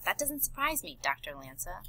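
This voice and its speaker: A woman's voice: on the low side, sing-song, brisk, bright, forceful tone, voice pushed down, heavily acted. Woman doing a sarcastic scheming poacher. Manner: sarcastic, amused, smooth-talking.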